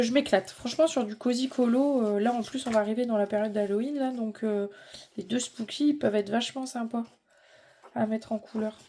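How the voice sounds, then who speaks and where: A woman's voice: a little high, vocal fry, dark tone, slight background noise. A middle-aged woman chatting casually in a hobby vlog, informal and rambling as she thinks aloud. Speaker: vlogger.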